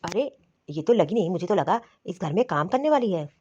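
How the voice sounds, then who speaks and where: A woman's voice: on the low side, expressive, fairly quick, darkish tone, husky, dull audio. A woman voicing a blunt middle-aged male guest in a cartoon, the suspicious father of a bride.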